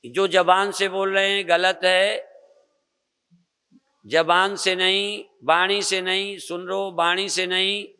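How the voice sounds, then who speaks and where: An older Indian man, a spiritual teacher, slowly guiding a group through meditation and breathing with soft repeated coaching. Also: high-pitched, little pitch movement, smooth. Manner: slow, repetitive soft coaching with pauses. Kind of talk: guided meditation and breathing instruction. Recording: long reverb of a hall.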